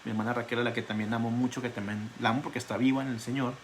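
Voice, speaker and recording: A male pastor giving an online Bible study sermon, telling stories in an animated way and repeating words for emphasis. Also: mid-range voice, very fast, a little hiss or hum. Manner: animated storytelling with emphatic repetition.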